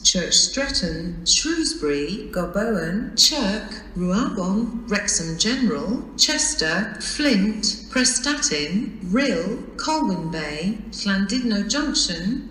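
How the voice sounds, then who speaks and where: A woman giving automated train station announcements over a public address system, reading stops and platforms in a measured, even way. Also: medium pitch. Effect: public address station announcement over loudspeakers. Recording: echoey station hall with noise.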